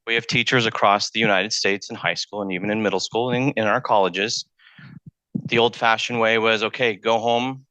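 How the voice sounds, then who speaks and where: A man's voice: fairly low pitch, steady tone, a little fast, pushed and bright, no room sound. A man giving a public college lecture in a room, talking conversationally and thinking aloud as he goes, speaking into a handheld mic. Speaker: math lecturer.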